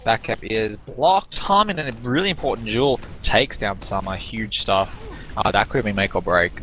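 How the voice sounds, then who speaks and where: An esports caster commentates an online team shooter match, breaking down plays analytically in a stop-start way with stumbling restarts. His voice is fairly low, bright and forceful, animated at normal speed, with slight background noise.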